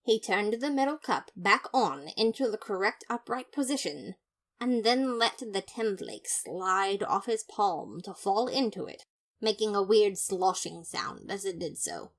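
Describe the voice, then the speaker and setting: Narrating in first person, a woman portrays a fastidious, self-important skeleton detective full of theatrical haughtiness. Her voice is medium pitched and expressive, and her mood is disapproving.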